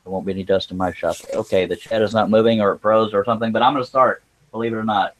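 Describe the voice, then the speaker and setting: A man with a fairly low voice hosts a live craft stream. He talks casually while he works, in a folksy, joking way. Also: fairly even intonation, rapid-fire. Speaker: livestream host, scroll saw craftsman.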